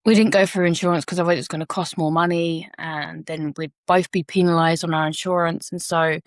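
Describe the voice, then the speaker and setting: Frank woman, lowish voice. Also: fairly even intonation, fairly quick, no room sound, clean studio sound. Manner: frank and reflective, swears casually, self-mocking. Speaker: podcast co-host. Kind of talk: candid personal storytelling.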